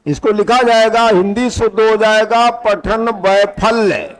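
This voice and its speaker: High-voiced, unhurried Hindi-speaking male teacher. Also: rough recording. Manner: quizzing, repeats key terms. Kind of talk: exam-prep lecture.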